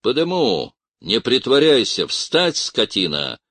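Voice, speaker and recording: A man's voice: lowish voice, expressive, measured pace, pushed and bright, no echo, exaggerated voice. A man voicing an angry, commanding army captain who barks curt, scornful orders. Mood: furious shouting.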